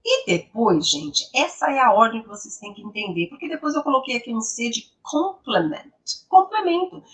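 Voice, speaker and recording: A woman teaching English grammar, explaining slowly and repeating each example sentence with emphasis. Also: fairly high pitch, expressive, recorded from a distance.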